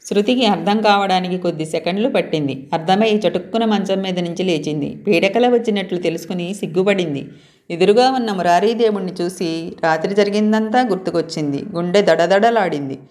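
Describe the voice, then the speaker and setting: Woman calmly reading a story. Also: fairly low pitch, fairly quick.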